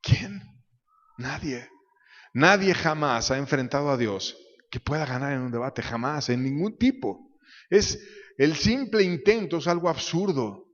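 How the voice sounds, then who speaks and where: A pastor preaching a sermon, swinging between loud emphatic bursts and quiet low asides, sometimes acting out voices. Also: male voice, expressive, measured pace. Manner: acts out quoted voices in his preaching. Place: church. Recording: echoey church hall, dull lo-fi sound.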